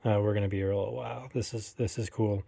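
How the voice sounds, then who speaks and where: A man's voice: fairly low pitch, steady tone, fast talker, gravelly, dark tone. Chatty man unboxing with a phone in hand. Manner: chatty, filler-heavy, self-deprecating. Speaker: collector vlogger. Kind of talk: casual unboxing commentary. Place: home game room. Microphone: phone camera held in one hand.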